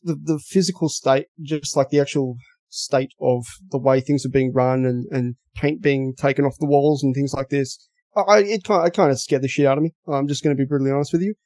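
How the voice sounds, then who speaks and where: Gravelly Australian man in football banter. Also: medium pitch, steady tone, fairly quick, darkish tone, no echo. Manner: rambling, blunt, repeats words. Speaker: podcast contributor. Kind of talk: casual football analysis chat.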